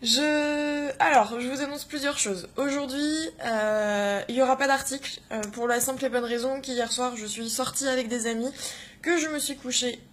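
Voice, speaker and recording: A young woman short on sleep giving an energetic morning vlog pep talk, full of hesitations and bursts of cheering. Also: sits high, normal speed. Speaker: vlogger.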